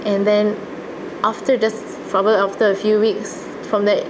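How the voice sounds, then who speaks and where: A woman's voice: mid-range voice, little pitch movement, moderate pace. A young adult woman with a Malaysian accent recalling her experiences in a casual interview, earnest and chatty. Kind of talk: casual interview, personal recollection. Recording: noticeable background noise and ambience.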